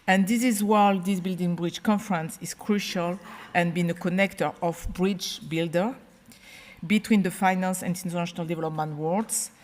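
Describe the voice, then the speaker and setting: A woman's voice: on the low side, steady tone, normal speed, a little mellow. Woman's podium speech in a reverberant hall. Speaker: panel moderator and regional coordinator. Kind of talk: formal podium speech, welcoming address. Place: large conference hall. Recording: echoey hall with long reverb.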